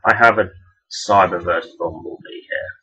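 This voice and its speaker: Low-voiced, raspy man rambling through a review. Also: steady tone, normal speed, bright, forceful tone. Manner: hesitant, rambling, self-deprecating; blunt, sweary. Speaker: toy reviewer. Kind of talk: casual rambling toy review. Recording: dull, lo-fi sound.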